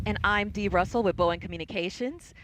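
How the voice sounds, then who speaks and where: Mid-pitched woman co-hosting, faint background noise. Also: brisk. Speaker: broadcast co-host, company communications representative. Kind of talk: live broadcast presenting. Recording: faint ambient noise behind.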